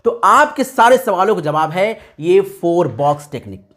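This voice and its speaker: Emphatic Hindi teacher with lively pitch. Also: male voice, moderate pace. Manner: emphatic, addresses students as kids; repeats key points for emphasis. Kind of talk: exam tips lesson.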